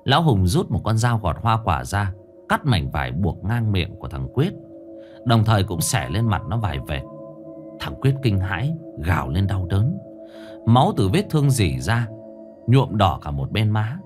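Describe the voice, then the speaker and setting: Low-voiced man telling a crime story. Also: very animated, moderate pace, soft background music. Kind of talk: dramatic crime story narration.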